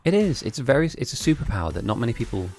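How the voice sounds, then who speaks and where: Racing along in a very animated, slightly mellow medium-pitched voice, a man streams a game and reads his viewers' messages. He has an English accent, though he grew up in Germany and Italy speaking German and Italian, and he rambles chattily, laughing often, with faint music behind him.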